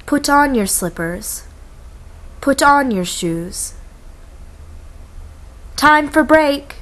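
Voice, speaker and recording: Woman, high voice, reading short classroom commands very slowly, with careful articulation. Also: expressive, a bit bright. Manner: slow, clearly articulated, pausing after each phrase. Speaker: English instruction reader.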